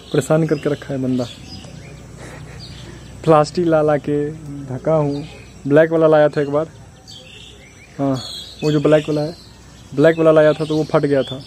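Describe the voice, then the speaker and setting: A young man from Bihar vlogs outdoors into a phone held at arm's length, chatty and a little complaining as he explains things step by step. His voice sits a bit high but sounds mellow and soft-edged. Faint outdoor noise sits under his talk. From Bihar, India. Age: young adult. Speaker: village vlogger. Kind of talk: casual vlog to camera. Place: outdoors at a building site and rice fields.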